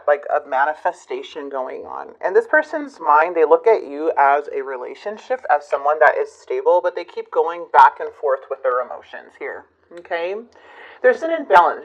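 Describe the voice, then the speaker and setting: A woman reading tarot cards for her channel, talking reflectively with many fillers and pauses. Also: sits low, lo-fi sound. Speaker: tarot reader.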